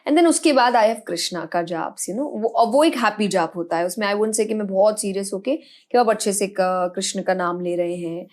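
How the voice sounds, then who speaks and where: Earnest woman guest explaining calmly. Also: medium pitch, moderate pace, hardly any pauses. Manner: calm, earnest explaining with frequent restarts. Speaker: spiritual speaker, guest. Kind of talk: podcast interview answers.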